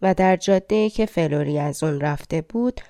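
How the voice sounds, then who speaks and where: Woman reading fairy tales, measured and dramatic, low voice, dry recording. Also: mellow, no room sound. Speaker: audiobook narrator. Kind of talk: fairy tale audiobook narration.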